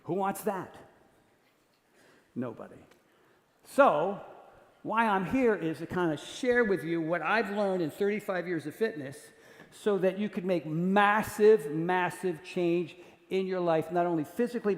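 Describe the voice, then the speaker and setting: A man in his fifties giving a motivational fitness talk to a live crowd, energetic and joking as he rallies the audience. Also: high-pitched. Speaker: keynote fitness speaker. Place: large conference hall. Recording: roomy hall with long reverb.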